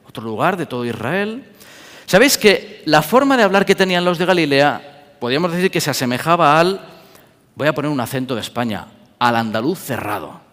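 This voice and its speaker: A man from Spain preaching a sermon, animated, acting out quoted voices and asking the audience rhetorical questions. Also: fairly high pitch, brisk, long reverb tail.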